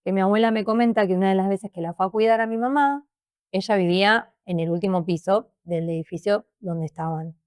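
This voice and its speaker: A Rioplatense woman recounts a painful experience in an interview. Her delivery is emotional and halting, and she often repeats words as she goes. The sound is dry and close, with no room around her. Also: medium pitch, darkish tone, smooth, no echo. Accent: Rioplatense Spanish. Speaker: interview guest. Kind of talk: personal testimony in conversation.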